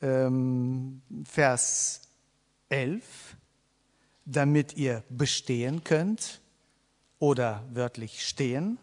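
A man with a medium-pitched, darkish voice delivers a sermon in a long, reverberant hall. He stumbles along with fillers and restarts, directing questions at the congregation.

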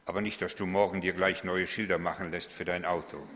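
Middle-aged guy preaching, punchy and forceful, lots of "nicht?" questions, big echoey hall. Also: deep voice, fairly even intonation, brisk, slight background noise. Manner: emphatic, rhetorical questions with a tag "nicht?". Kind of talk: sermon. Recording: long hall reverb.

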